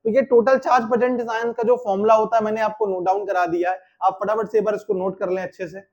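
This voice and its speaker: A man's voice: sits high, little pitch movement, fast, darkish tone, lo-fi sound. A man teaching a chemistry class, explaining step by step and asking and answering his own questions. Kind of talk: classroom lecture.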